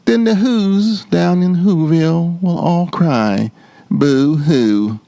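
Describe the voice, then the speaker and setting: Man voicing the sly, gravelly Grinch, slow and smug. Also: fairly high pitch, dark tone, dry recording, pitched above the performer's own voice. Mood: gloating. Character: sly, grumpy Grinch, scheming and smugly gleeful.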